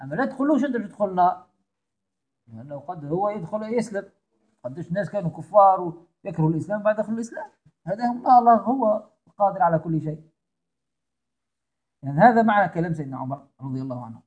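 Man, Tunisian accent, religious lesson, emphatic, repeats points, husky tone. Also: high voice, expressive, rapid-fire, a little mellow. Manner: emphatic, repeats key phrases. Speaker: religious teacher.

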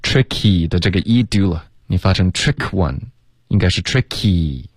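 A man coaching English pronunciation on a radio lesson, patiently correcting sounds and demonstrating them slowly. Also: low-pitched, lively intonation, slightly rough. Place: radio studio.

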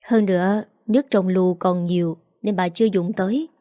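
An older father hisses his anger in quick bursts, read by a woman narrator. The voice stays mellow and close, with a dry sound. It is a storybook reading. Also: on the low side, fairly even intonation, no echo, lightly acted. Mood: explaining. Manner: hissing anger, rapid. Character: older husband, angry and worried father.

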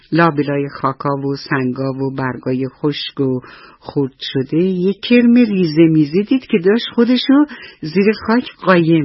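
A woman storyteller with a husky voice, gently telling a bedtime story for children on the radio. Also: fairly low pitch, no echo. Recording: slightly dull radio recording.

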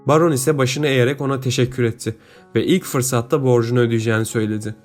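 A man narrating an audiobook in a steady, measured storytelling manner. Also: mid-range voice, faint music behind. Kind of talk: scripted narration.

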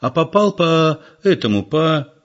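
A man's voice: a little high, sing-song, a little slow, muffled recording, voice pushed up. A man doing a wry, mild-mannered ex-convict.

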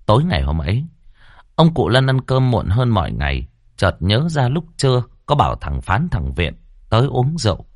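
A male storyteller narrates a ghost story with an animated, swinging pitch. The recording is dry and close, with no room sound. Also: normal speed, dry recording.

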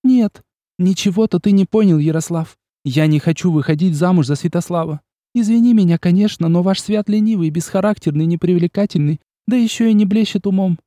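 A man's voice: high voice, a little fast, dry recording, clean studio sound, pitched above the performer's own voice, close to an everyday voice. A male audiobook reader voicing a proud, fiery young noblewoman who speaks haughtily and sharply. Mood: haughty. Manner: haughty, sharp and tearful by turns. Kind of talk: audiobook character voice.

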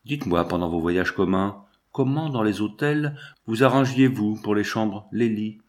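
A man's voice: on the low side, normal speed, lightly acted. A man reading aloud who voices a pushy priest pressing a dying man with probing questions. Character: pushy, prying male priest, middle-aged.

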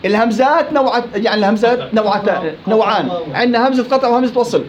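A man's voice: very high voice, fast, crowd noise. A man with a Levantine Arabic accent teaching Quran recitation rules in a live class, quizzing his students and teasing them as he goes. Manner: questioning students, teasing and lively. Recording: dull lo-fi classroom recording.

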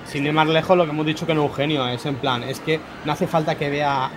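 A young man co-hosts a casual podcast chat, swearing freely as he tells blunt anecdotes. His voice is on the high side, fairly quick and fairly even in intonation. Music plays underneath, along with background noise.

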